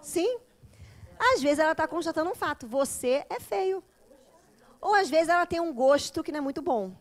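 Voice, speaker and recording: A woman, a therapist lecturing a class in a lively way, often acting out children and mothers. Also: sits high, fairly quick. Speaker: teacher of a psychology course.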